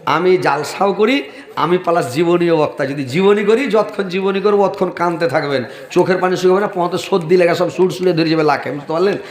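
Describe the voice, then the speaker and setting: A male preacher giving a humorous sermon at a large outdoor gathering, teasing the audience and asking for donations over a loudspeaker. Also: high-pitched, fairly quick. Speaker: Islamic preacher. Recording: echoey public-address sound at a crowded gathering.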